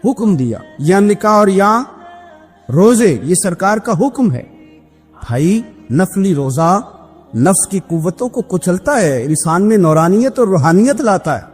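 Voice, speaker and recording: A man's voice: very animated, husky. Man preaching dramatically in a reverberant hall. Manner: dramatic, pitch rising high at emotional peaks, breaks into sung verse. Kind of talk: emotional storytelling sermon. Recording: long hall reverb with faint music.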